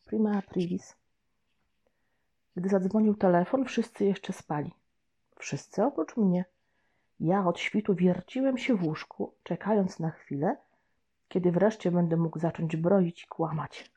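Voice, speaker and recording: A woman reading a children's storybook aloud with gentle, expressive narration. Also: lowish voice, a little slow, slightly rough. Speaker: audiobook narrator. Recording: dull lo-fi recording.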